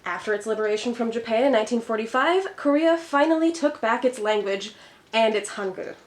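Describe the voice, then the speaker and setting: A native English-speaking woman from Minnesota, USA, teaches Korean through scripted narration. Her voice is a little high and brisk, carrying an upbeat, friendly tone.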